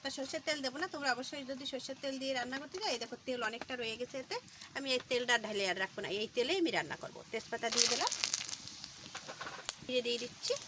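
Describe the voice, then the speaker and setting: A high-voiced woman narrates her cooking at a rapid clip, chatting casually as she works in a home kitchen. Loud frying and sizzling noise sits under her voice throughout. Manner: talks very fast, rushes through. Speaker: home cook vlogger.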